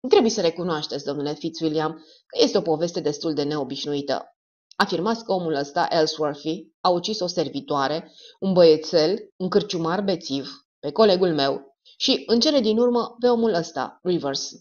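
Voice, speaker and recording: A woman's voice: low voice, a little mellow, muffled recording. A woman doing a dry, condescending doctor. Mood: skeptical. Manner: dry, superior. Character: skeptical, condescending male doctor.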